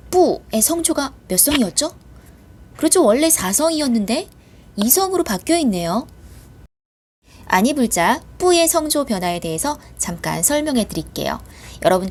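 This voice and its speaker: A young adult woman teaching a school language lesson online, patient and clear, slowing down to model words. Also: a little high. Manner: patient, lively explaining with drawn-out model words.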